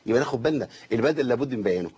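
A man with an Egyptian accent teaching Quran recitation, correcting students and slowly drawing out the recited words. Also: mid-range voice, expressive, darkish tone, husky, highs cut off. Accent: Egyptian Arabic. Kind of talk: tajweed lesson with recited examples.

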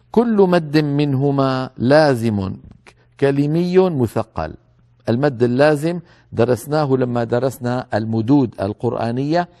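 Male recitation teacher, mellow low tone, patient explaining, slow demonstration of words. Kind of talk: tajweed lesson with slow demonstrations.

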